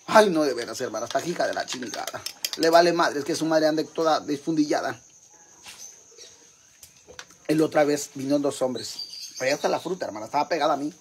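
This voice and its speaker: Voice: mid-range voice, fairly quick, long pauses, a little hiss or hum, close to an everyday voice. A performer voicing a crude, boastful Mexican mother with a Mexican accent, rambling gossip to her sisters in a comic monologue. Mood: brash gossip.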